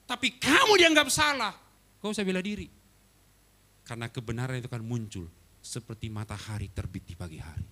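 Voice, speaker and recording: A male pastor preaching a sermon, telling a personal story with animated swings from loud outbursts to quiet asides. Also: fairly low pitch. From Batak. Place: church hall.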